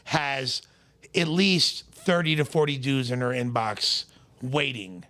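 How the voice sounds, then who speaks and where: Crude, argumentative podcast co-host. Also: male voice, medium pitch, lively intonation, takes it slowly, pushed and bright. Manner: argumentative, crude, repeats himself. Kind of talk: casual podcast banter.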